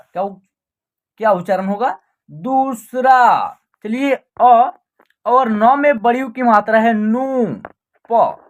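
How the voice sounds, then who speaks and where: A woman teaching an online reading lesson, patiently explaining and drawing out each syllable as she pronounces example words. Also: fairly high pitch. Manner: patient, repeats "ठीक है ना", draws out sounds when pronouncing.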